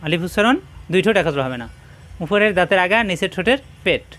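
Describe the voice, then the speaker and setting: A man teaching Quran reading in a spoken lesson, patiently repeating each letter sound slowly for practice. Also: sits high, lively intonation, a bit bright. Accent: Bangladeshi Bengali.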